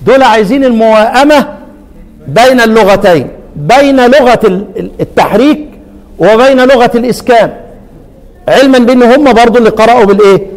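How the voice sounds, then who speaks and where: A man's voice: very high voice, a little mellow, in a large hall. A man teaching a class on Quran readings in Egyptian Arabic, often asking a question and answering it himself.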